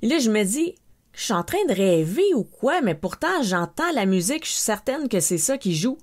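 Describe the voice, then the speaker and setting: A woman with a Québécois French accent tells a personal story as a podcast host, with a mid-range voice. She retells events in an animated way and acts out her own frightened exclamations along the way. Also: mid-range voice, moderate pace.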